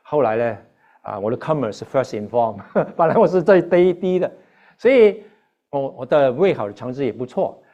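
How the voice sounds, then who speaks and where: A man preaching to a congregation. His voice sits at an ordinary male pitch, and he speaks earnestly, halting and restarting as he goes and slipping English terms into his sentences. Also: expressive, dark tone, lo-fi sound. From Hong Kong. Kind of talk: sermon with personal testimony.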